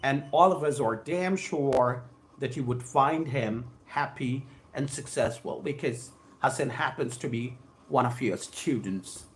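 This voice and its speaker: Speaking unhurriedly at medium pitch, with slight background noise, this South Indian–accented man from Andhra Pradesh teaches English live. He reads aloud, repeats phrases, and greets his viewers in an effusive, formal manner as a spoken English trainer.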